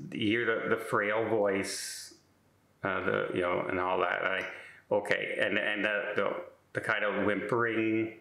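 A man's voice: fairly low pitch, fairly bright tone, reverberant. A middle-aged man telling a casual story in a rambling way, with many fillers and restarts. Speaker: vlogger.

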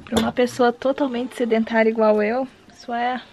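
A woman's voice: on the high side, flat delivery, normal speed, darkish tone, slight background noise. A young woman from Brazil chatting casually to the camera in a home vlog, still out of breath after the gym. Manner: chatty, talks to camera and coos to her baby. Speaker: vlogger.

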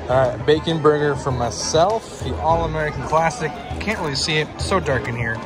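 A man in his thirties hosts a casual vlog, talking cheerfully into a phone held at arm's length. Loud music and a busy crowd fill the background. He describes the food and the place in an easy, chatty way. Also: on the high side, fairly quick. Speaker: vlog host. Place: dim themed restaurant and outdoor waterfront. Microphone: phone camera at arm's length.

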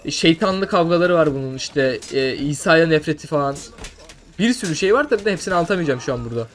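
A young man commentating a sword-fighting game, rambling through made-up lore and breaking into loud swearing outbursts. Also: fairly high pitch, expressive, fast talker, slight background noise. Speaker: gameplay streamer. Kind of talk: casual gameplay commentary with mock lore. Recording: faint music behind.

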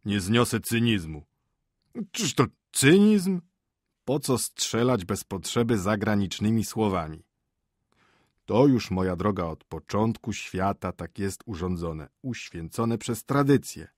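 A man reading an audiobook and voicing a grumpy, sleepy husband who grumbles gruffly. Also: lowish voice, animated, unhurried, a little mellow, no room sound, clean studio sound. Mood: grumbling. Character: grumpy, sleepy middle-aged husband, a prosecutor's assistant. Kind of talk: audiobook character voice.

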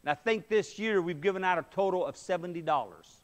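A man's voice: high-pitched, fast. A middle-aged man preaching a sermon in a church sanctuary, emphatic, with rhetorical questions, on a headset mic. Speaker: pastor. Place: church sanctuary, medium-sized, indoors.

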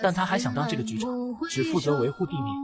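A man narrates a television drama recap at a brisk clip. His voice sits a little high and moves up and down a lot as he tells the story. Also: wildly swooping pitch, over loud music.

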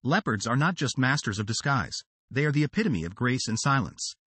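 Reading a nature documentary script, this male narrator gives a dramatic, sweeping performance at a fairly quick pace. His husky voice has lively pitch movement, captured in a dry, close recording without echo or room sound.

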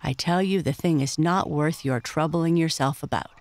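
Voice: medium pitch, normal speed, no echo, natural voice. A storyteller voicing a pompous, bossy old male frog in a bedtime story, talking in a lofty, lecturing way. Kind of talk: storybook character voice.

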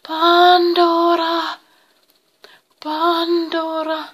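A woman voicing a chorus of trapped evil spirits, calling out slowly and high-pitched with drawn-out pleas. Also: steady tone, lightly acted. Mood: pleading.

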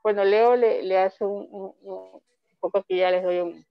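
A woman's voice: medium pitch, fairly even intonation, moderate pace, clear, resonant tone, no echo, highs cut off. A woman from Ecuador, a comic author, presenting her books in a rambling, chatty way with many restarts over call audio. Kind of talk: online book fair presentation.

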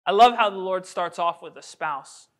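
A pastor preaching a sermon in a lively, conversational way, full of rhetorical questions and little acted-out quotes. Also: male voice, high-pitched, normal speed. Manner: acts out everyday quotes in voices. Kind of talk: expository sermon.

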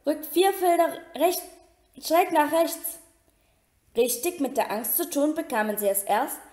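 A woman reading a children's novel aloud in a steady storytelling manner, with occasional slips and restarts. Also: fairly high pitch. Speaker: reader. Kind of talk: amateur audiobook reading. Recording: roomy echo.

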